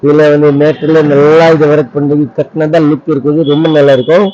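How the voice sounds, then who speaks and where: A man with an Indian accent giving an enthusiastic, repetitive shop sales pitch, urging viewers on and tossing out rhetorical questions. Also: flat delivery, quick pace, mellow, muffled recording. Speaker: saree shop owner and sales presenter.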